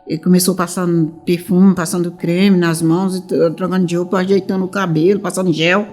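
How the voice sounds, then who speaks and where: A woman tells her story in a mellow, warm voice. She rambles, restarts her sentences and acts out the old dialogue. Soft music plays faintly behind her. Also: lowish voice, little pitch movement, a little fast. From São Paulo, Brazil. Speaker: mother of a missing teenager. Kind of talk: emotional personal testimony.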